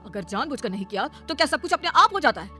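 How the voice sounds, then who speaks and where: Heavily acted and pushed, this woman's bright, high voice races along with big pitch swings as she plays a young, short-tempered office-going husband in a cartoon story. He begs his wife, then turns to scolding her, while faint music plays behind.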